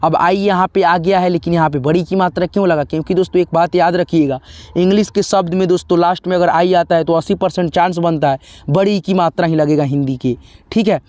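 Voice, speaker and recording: A man's voice: sits high, steady tone, a little fast, a little mellow, no echo. A man teaching a beginners' spelling lesson, patiently spelling out each word letter by letter and repeating them. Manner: patient, repeats letters, addresses viewers as friends.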